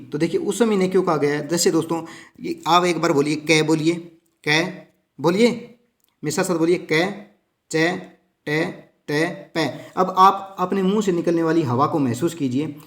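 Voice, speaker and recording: Hindi-speaking male teacher, fairly high voice. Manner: asks questions and answers them, addresses students as friends. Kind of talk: exam-prep lesson.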